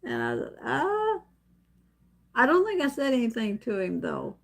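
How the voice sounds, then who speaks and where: This middle-aged vlogger's fairly high, gravelly voice swoops wildly in pitch as she unhurriedly tells a story on her home live stream. Sitting before a camera, she rambles chattily, laughs often, and restarts her sentences.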